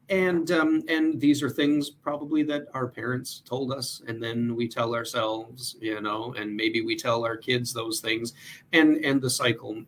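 A man's voice: mid-range voice, fairly bright tone, a little hiss or hum. A man speaking as a mental health guest in a casual interview, earnest and thoughtful, with frequent fillers.

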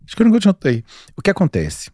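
Animated forty-year-old Brazilian man, fast talk. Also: high-pitched, no room sound. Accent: Brazilian Portuguese. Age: 40s. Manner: animated storyteller, slangy and emphatic. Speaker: doctor guest. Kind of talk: casual podcast chat.

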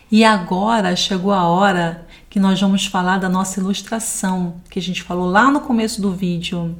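Brazilian woman teaching from scripture. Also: medium pitch. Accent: Brazilian Portuguese. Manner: reflective, quotes scripture, asks the audience questions. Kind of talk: devotional teaching talk.

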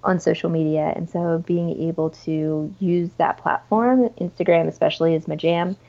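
A woman's voice: fairly low pitch, fairly even intonation, normal speed, gravelly, lo-fi sound. A woman chatting casually as a podcast guest, informal and enthusiastic, with plenty of "like" and "you know". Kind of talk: casual, chatty interview conversation.

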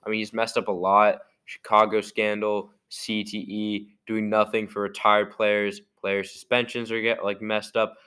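A man's voice: on the low side, little pitch movement, normal speed, few pauses, sharp tone, clean tone. A young man co-hosting a casual sports podcast, talking loosely with many fillers and a mocking edge. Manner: rambling, filler-heavy, mocking. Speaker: podcast co-host. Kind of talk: casual chat.

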